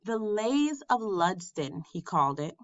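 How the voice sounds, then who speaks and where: A woman reads a picture book aloud in the manner of a teacher with her class. Her pitch rises and falls freely as she savours each phrase, taking her time. The recording is slightly dull and lo-fi. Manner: slow, expressive storytelling. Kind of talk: storybook read-aloud.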